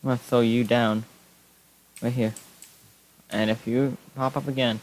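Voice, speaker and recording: A young man giving casual gameplay commentary, excitable, yelping when things go wrong. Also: medium pitch, unhurried, slight background noise. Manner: excitable, yelps and shouts when startled. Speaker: Minecraft YouTuber.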